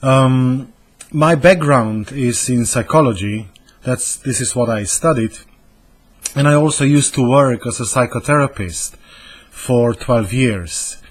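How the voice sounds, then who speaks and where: A man's voice: mid-range voice, takes it slowly. A man in his fifties from Slovenia with a Slovenian accent, introducing himself as a communication trainer and searching thoughtfully for his words. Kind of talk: personal self-introduction to camera.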